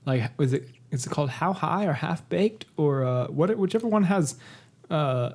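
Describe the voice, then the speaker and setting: A young man with a fairly high, very lively voice chats casually as a podcast guest. He rambles, hedging with plenty of "like" and "uh" between his thoughts. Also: normal speed. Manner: rambling, full of "like" and "uh". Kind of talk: casual chat.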